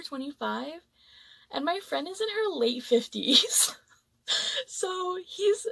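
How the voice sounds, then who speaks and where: A woman's voice: high-pitched, vocal fry, dry recording. A woman vlogger telling a story in a casual, chatty way, full of "like" fillers. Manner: chatty, many "like" fillers, animated retelling.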